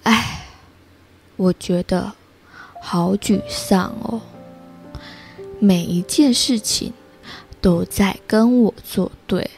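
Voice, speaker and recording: Woman voicing a slow storybook turtle for toddlers. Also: mid-range voice, vocal fry, a little mellow, faint music behind. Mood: dejected, sighing. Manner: slow, sighing, for a toddler listener. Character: frustrated turtle in a children's storybook.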